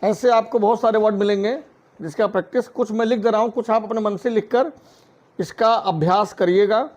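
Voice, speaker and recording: A man teaching a phonics lesson, spelling words out letter by letter and then saying each one slowly. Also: high voice, fairly even intonation, a little mellow. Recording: dull lo-fi recording.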